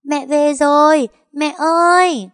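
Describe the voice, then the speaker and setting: A woman voicing a cheerful, innocent little boy in a storybook reading, with a high childlike voice. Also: moderate pace, dry recording, clean studio sound, natural voice. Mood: excited.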